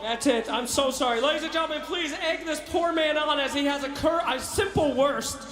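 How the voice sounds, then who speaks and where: Brief: male stage host, very high voice, loud showman energy, echoey hall. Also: a little fast, faint music behind. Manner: showman, often shouting to the crowd. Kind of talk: comedic live stage hosting. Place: live event stage.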